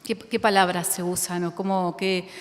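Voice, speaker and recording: An Argentine woman writer with a fairly low, level voice speaks at a moderate pace in a reverberant school auditorium before an audience. In this public conversation she reflects aloud in her Argentine Spanish accent, full of fillers, restarts and frequent laughter.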